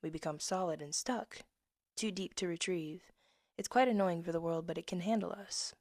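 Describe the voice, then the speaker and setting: This young poet, in her 20s, has a soft, low voice and reads her earlier poems at a normal speed, chatting between them. The studio-quality recording has no echo. She often drops to a whisper and chuckles at herself.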